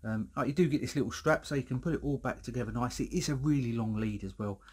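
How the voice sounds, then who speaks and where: A man's voice: mid-range voice, quick pace, darkish tone, husky. A man reviewing a product in a casual, rambling vlog, a little out of breath and filming himself alone indoors. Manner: chatty, rambling, with restarts.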